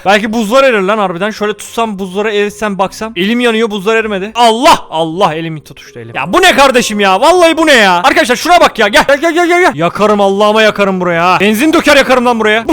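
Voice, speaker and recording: Excitable young man with a high voice. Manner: excitable, swears and shouts at wolves. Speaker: gaming video host. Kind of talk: let's play commentary.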